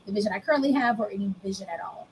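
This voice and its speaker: A woman's voice: mid-range voice, rapid-fire, slight background noise, low-quality recording. A woman in her thirties from the United States, candidly telling her own story as an interview guest, plain and self-mocking. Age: 30s. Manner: candid, explains plainly, laughs at herself.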